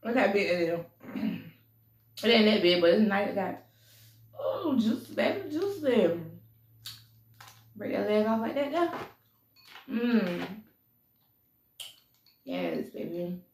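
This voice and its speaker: A woman's voice: mid-range voice, takes it slowly, pauses often, far from the mic. A woman vlogger chatting casually while eating, laughing often and humming between bites. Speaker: mukbang vlogger. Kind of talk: casual eating vlog chat. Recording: echoey room, voice a bit off-mic.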